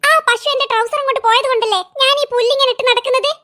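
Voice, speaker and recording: A hapless, whiny cartoon boy keeps complaining and begging his friend for help. The voice sits extremely high and sounds sharp and bright. Every line comes out indignant. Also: fairly even intonation, very fast. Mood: annoyed. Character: hapless boy who lost his trousers. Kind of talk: cartoon voice acting.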